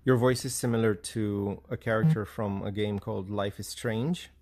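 Low gravelly-voiced man. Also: fairly even intonation, normal speed, darkish tone. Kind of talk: casual chat.

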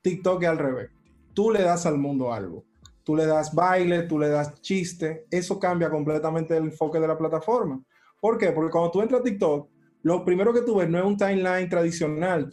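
A Dominican man in casual explanatory talk, with a fairly high voice. He is slangy and emphatic, repeating his points, and faint music plays behind him. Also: normal speed, darkish tone. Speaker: content creator.

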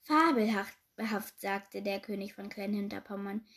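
A woman reading a children's story aloud in a lively, expressive way. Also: on the high side, a little slow.

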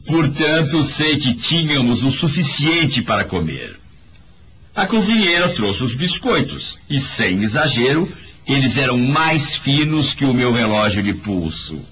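A man's voice: medium pitch, very animated, a little slow, fairly bright tone, slight background noise. Emphatic man giving a motivational speech. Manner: emphatic, preachy, addresses the audience directly. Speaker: motivational speaker.

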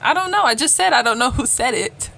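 A woman's voice: a little high, animated, fairly quick, creaky, sharp tone, faint music behind. A young adult woman co-hosting a podcast, chatting in a laid-back way with many hesitant ums. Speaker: podcast co-host. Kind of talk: casual chat.

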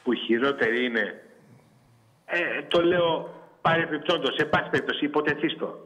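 A man's voice: on the high side, fairly bright tone, low-quality recording. Male caller with a lightish voice, rambles and repeats himself, fervent. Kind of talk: casual phone-in chat.

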